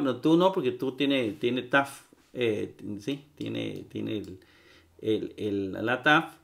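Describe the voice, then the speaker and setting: A man teaches a grammar lesson at a middle pitch. He speaks haltingly, repeating words and filling pauses, and keeps checking whether his students follow. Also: vocal fry, a bit bright. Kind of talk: recorded grammar lecture.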